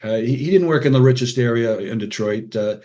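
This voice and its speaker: Speaking fairly quickly in a mid-range voice with a dark tone, this older American man is a guest on a podcast. A retired radiologist turned author, he looks back casually on the past, frequently quoting others in brief stories.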